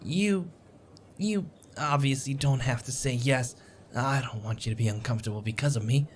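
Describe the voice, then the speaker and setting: A man's voice: mid-range voice, a little hiss or hum, natural voice. A man playing a shy, adorkable, stammering stranger. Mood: flustered, awkward. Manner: hesitant, stammering, self-deprecating, apologetic. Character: shy, anxious, adorkable young man, sweet and rambling. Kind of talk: audio roleplay, intimate one-sided conversation. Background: coffee shop ambience.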